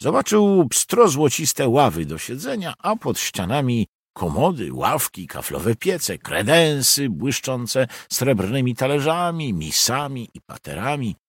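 A man reading a historical novel aloud as an expressive audiobook narrator. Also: mid-range voice, unhurried, few pauses, husky, dry recording, clean studio sound. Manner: expressive storytelling.

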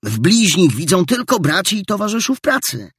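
A man reading aloud and voicing a cheerful, warm-hearted young nephew who speaks in a bright, ringing voice. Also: sits high, big pitch swings, normal speed, slightly rough, no room sound, studio quality, pitched above the performer's own voice, heavily acted. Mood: cheerful pleading.

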